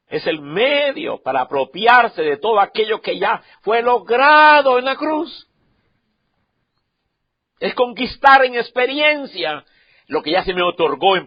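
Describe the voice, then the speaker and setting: A man preaching a sermon with passion, swinging from quiet, low asides to loud, rising declarations. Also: husky. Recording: dull lo-fi sound.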